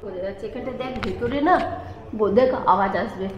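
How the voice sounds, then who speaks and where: A woman's voice: medium pitch, fast. A woman chatting casually while sightseeing inside a domed stone temple. Her voice rings with a cathedral-like echo as she points things out to a companion. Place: inside a small old stone temple chamber. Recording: echoey domed chamber, dull lo-fi sound.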